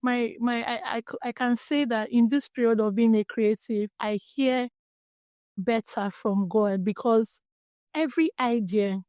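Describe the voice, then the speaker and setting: In a dry recording, a fairly high, darkish, smooth voice moves a little slowly with fairly even intonation. It belongs to a Nigerian-accented woman hosting a reflective solo podcast, where she talks earnestly and encouragingly about her creative path and faith in a small, light voice.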